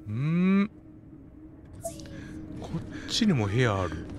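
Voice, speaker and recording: A man with a Kansai accent giving casual running commentary while playing a game, often telling a character to be quiet. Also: medium pitch, big pitch swings, slow, noisy background. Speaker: game streamer. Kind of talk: casual let's-play commentary.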